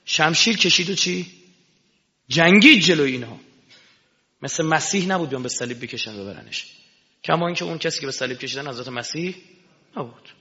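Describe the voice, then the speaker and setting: A man's voice: a little high, lively intonation, long pauses. Impassioned man preaching in an echoey hall. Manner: impassioned, swings between hushed and shouting. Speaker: religious preacher. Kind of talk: sermon. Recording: echoey hall, dull lo-fi sound.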